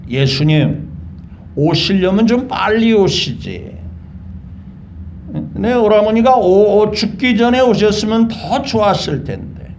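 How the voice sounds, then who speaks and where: Preacher doing a reproachful grieving woman, slow delivery. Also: high-pitched, animated, darkish tone, a little hiss or hum, heavily acted.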